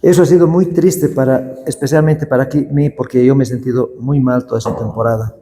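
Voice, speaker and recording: Male pastor, warm low-bright tone, unhurried sermon reading, long reverb of a church hall. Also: fairly even intonation. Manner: slow, deliberate scripture reading.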